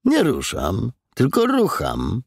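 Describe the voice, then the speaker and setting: A man's voice: mid-range voice, huge pitch swings, takes it slowly, creaky, husky, no room sound, clean studio sound, pitched above the performer's own voice, full character voice. A man voicing a crude, violent male thug who talks in a coarse, mocking, defiant way.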